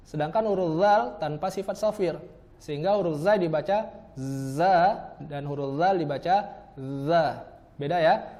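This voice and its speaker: A man teaching pronunciation, patiently demonstrating sounds slowly and repeating them in pairs. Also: sits high, warm tone. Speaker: Quran recitation teacher. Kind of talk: instructional lesson on letter pronunciation.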